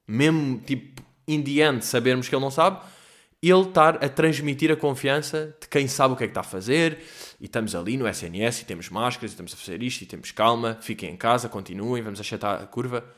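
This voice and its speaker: A man with a European Portuguese accent hosting a solo comedy podcast from home, rambling and swearing, jumping between loud outbursts and low mutters. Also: quick pace. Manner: profane, digressive, mixes in English phrases. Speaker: podcast host. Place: at home in quarantine.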